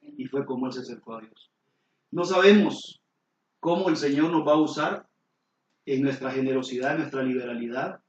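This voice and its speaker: A middle-aged man, preaching a sermon as pastor with lively storytelling and questions to the congregation. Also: medium pitch, moderate pace, pauses often. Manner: animated storytelling, sudden exclamations, rhetorical questions to the congregation. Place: church sanctuary. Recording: roomy hall, distant mic, dull and lo-fi.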